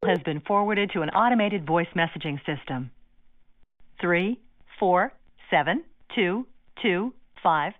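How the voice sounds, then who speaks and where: A woman's voice: on the low side, expressive, unhurried, no room sound. A woman's automated phone system voice comes through a landline. She reads out digits in a clipped, evenly spaced way. The sound is dry and tinny, squeezed into a narrow phone band. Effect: heard over a landline phone line.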